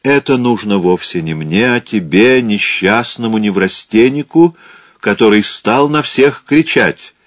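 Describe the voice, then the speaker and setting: A man's voice: lowish voice, expressive, a little slow, dry recording, pitched above the performer's own voice. A man reading aloud voices a fed-up, scornful middle-aged wife. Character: exasperated middle-aged wife leaving her husband.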